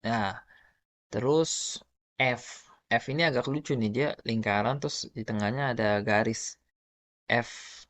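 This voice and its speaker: A man with an Indonesian accent talks through a language lesson in an easygoing, chatty way, stopping often to give example words. His voice sits at an ordinary middle pitch. The recording is dry, with almost no room echo. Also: takes it slowly, pauses often, a bit bright. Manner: informal, explains patiently with many example words. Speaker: language teacher. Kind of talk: casual spoken lesson.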